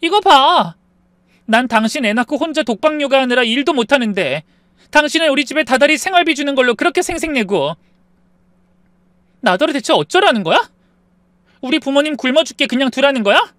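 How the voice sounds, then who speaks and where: A man voicing an upset young wife who argues in a shrill, raised, accusing voice. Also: lively intonation, brisk, long pauses, fairly bright tone, no room sound. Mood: angry.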